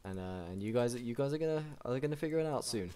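A young man casually commentating a strategy game match, chatty and excitable, with frequent restarts. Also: medium pitch, quick pace, slight background noise. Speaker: game caster.

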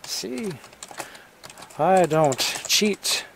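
Writer doing a sly smug game master, coy teasing lines, pitched up, faint typing behind. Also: expressive, extremely slow, gravelly, a little hiss or hum, heavily acted.

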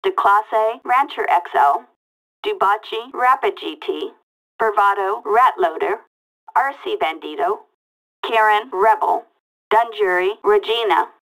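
An actress reads brief police scanner callouts naming vehicle makes and models, playing a female dispatcher in a video game with a radio filter on her voice. She's unhurried, medium-pitched, and fairly bright, speaking in a clipped, detached, procedural manner, one word at a time, and the audio is poor.

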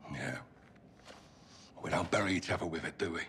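An actor playing a hard, defiant middle-aged British army captain, blunt and confrontational, in a cinematic game. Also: male voice, low-pitched, normal speed, bright, forceful tone, a little hiss or hum. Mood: angry, accusing.

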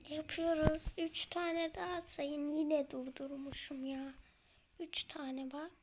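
A woman with a high voice talks her viewers through a game in an unhurried, drawn-out way. She grumbles and sounds exasperated as she fails, then turns back to chat with her audience. There is a faint hiss behind her. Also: flat delivery. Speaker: gamer, channel host. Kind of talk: casual let's-play commentary.

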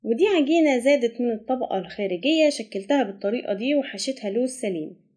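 A woman's voice: a little high, lively intonation, a little mellow. A woman with an Egyptian Arabic accent narrating a recipe step by step as a cooking channel host. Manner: brisk step-by-step instructions.

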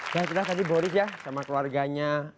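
A man from Java doing a stand-up routine on a comedy stage, acting out shouts and slow, soft talk. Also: a little high, over a noisy crowd, very noisy. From Java, Indonesia.

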